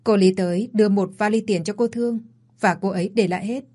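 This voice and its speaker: A woman's voice: medium pitch, fast, dark tone, lightly acted. A woman voicing an anxious housekeeper in an audio story, reporting hurriedly.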